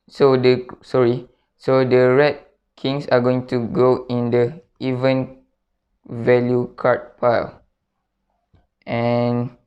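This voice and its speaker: A man explains something step by step as a tutorial presenter. His mid-pitched voice stays very level and moves slowly, repeating instructions and checking in as he goes. The sound is slightly dull and lo-fi. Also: a little mellow. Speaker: card trick tutorial presenter.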